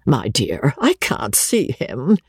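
A reader voicing a self-absorbed, peevish elderly woman of wealth who speaks in a breathy, whispery way. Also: extremely low pitch, huge pitch swings, slow pace, heavily acted.

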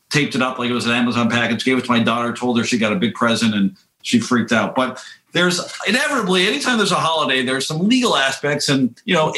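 A man's voice: medium pitch, reverberant, a little hiss or hum, rough recording. A man hosting a talk show, joking and telling stories in a casual news-chat style. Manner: joking, animated storyteller. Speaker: show host.

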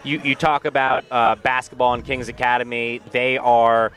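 A man hosting a live high school sports broadcast from a school field, chatting energetically with many fillers. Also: normal speed. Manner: energetic, filler-heavy play-by-play chat. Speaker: radio sports host.

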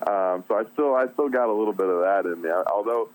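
Young guy from new jersey, low voice, upbeat and psyched guest on a show. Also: fairly quick, rough recording. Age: 20s. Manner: excited, upbeat. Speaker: guest, competitive angler. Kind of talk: casual interview.

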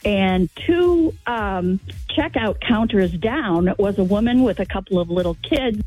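A middle-aged woman from Wisconsin calling in, telling family stories in a slow, halting, emotional way. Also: mid-range voice, animated, a little mellow, faint music behind. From Wisconsin, suburb of Milwaukee. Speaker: caller, sibling of the late host. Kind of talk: phone-in tribute storytelling. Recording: dull lo-fi phone-in call.

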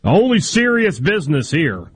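A man's voice: a little high, wildly swooping pitch, normal speed, slight background noise. An American man co-hosting sports talk radio, bantering in a wry, informal way.

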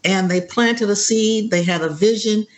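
A woman's voice: medium pitch, measured pace. A woman of seventy is a guest on a radio talk show. She speaks casually and upbeat and often breaks into laughter. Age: 70s. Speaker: interview guest. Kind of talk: casual interview chat.

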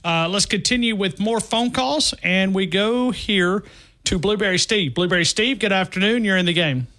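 A man's voice: high voice, moderate pace, pushed and bright. A man hosting a call-in sports talk radio show, joking and rambling with callers. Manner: jokey, rambling.

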